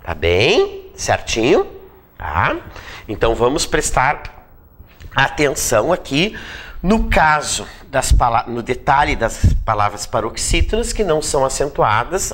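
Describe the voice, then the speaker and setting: Lively man teaching grammar. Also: mid-range voice, slow, slight background noise. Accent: Brazilian Portuguese. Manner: checks in with tag questions; repeats points for emphasis. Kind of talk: grammar lesson.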